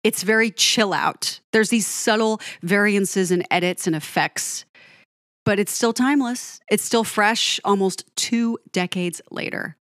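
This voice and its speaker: A woman who reacts to music gives her viewers an enthusiastic, chatty breakdown of a song, laughing often. Her medium-pitched voice is unhurried and fairly bright, captured with studio quality and no echo.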